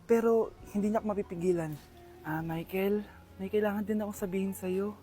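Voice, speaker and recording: A woman's voice: mid-range voice, steady tone, a little fast, warm tone. A woman performing short comedy skits, switching between many characters. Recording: faint music underneath.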